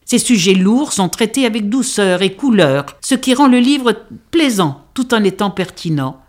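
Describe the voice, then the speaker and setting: A woman presenting a novel, moving between narrated passages and her own review. Her reading is clear and measured, in an average register. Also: medium pitch, expressive, a little mellow. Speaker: book reviewer and reader. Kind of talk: reading a book aloud and reviewing it.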